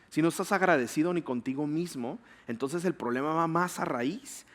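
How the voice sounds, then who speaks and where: A male pastor, preaching a conversational sermon full of rhetorical questions. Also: a little high.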